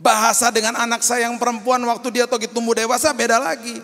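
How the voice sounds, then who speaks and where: A middle-aged male pastor giving a sermon, animated and emphatic, rising to loud peaks and acting out short dialogues. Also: very high-pitched, fast talker, gravelly. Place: church hall. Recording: reverberant church hall.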